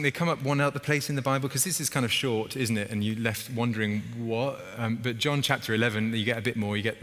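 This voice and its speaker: A man's voice: lowish voice, a bit bright, in a large hall. A man preaching a sermon in a church, in a conversational way that asks the congregation questions.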